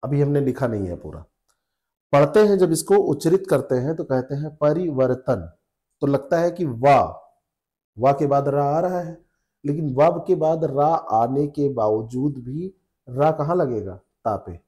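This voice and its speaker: A man's voice: mid-range voice, animated, measured pace, mellow. A man teaching spelling rules to exam students, repeating each rule patiently and checking with the class. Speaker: Hindi exam tutor.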